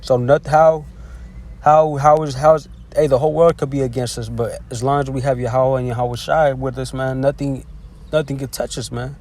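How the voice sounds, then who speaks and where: A man's voice: medium pitch, flat delivery, darkish tone. A casual, slangy man preaching. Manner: slangy, peppers talk with "man" and "hey"; reads scripture slowly and haltingly. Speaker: lay preacher. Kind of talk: casual scripture teaching.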